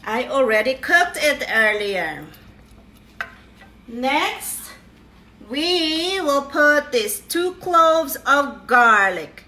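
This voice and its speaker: A middle-aged home cook vlogger jokes her way through a casual recipe demo, her high, very animated voice moving extremely slowly with a sharp edge. She tosses out playful, cheery "ta-da" exclamations. A far-off camera catches her across a roomy, echoing kitchen with faint clatter in the background.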